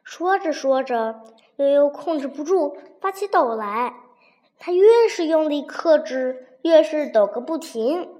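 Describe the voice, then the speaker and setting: A woman storyteller narrating a folk tale for children in a gentle, unhurried way. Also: high voice, animated.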